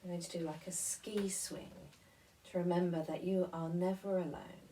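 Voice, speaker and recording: Distant mic with faint noise, woman, soft-toned and lowish, soothing devotional relaxation guide, leaves pauses. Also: fairly even intonation. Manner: gentle, soothing, unhurried instruction with pauses.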